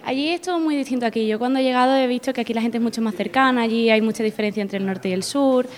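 Her voice sits on the high side and races along as this young Spanish woman, a guest on exchange, fields interview questions. She's friendly, a little hesitant, and tends to say words twice.

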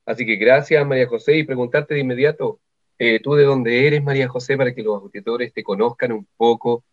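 A man's voice: mid-range voice, fairly even intonation, a little fast. A man hosting a university radio interview, upbeat and chatty. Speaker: radio host. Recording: slightly dull lo-fi sound.

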